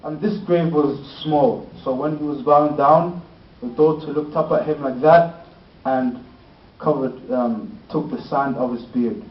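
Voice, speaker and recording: A man's voice: mid-range voice, measured pace. A man telling a story in a sermon, using lots of fillers and rhetorical questions. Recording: roomy, distant, dull lo-fi with faint noise.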